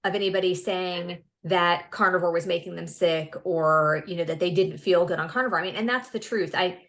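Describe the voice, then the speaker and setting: A woman's voice: on the low side, a little fast, fairly bright tone. A woman in her fifties, a podcast guest, talking earnestly and upbeat in a casual interview, often restarting words. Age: 50s.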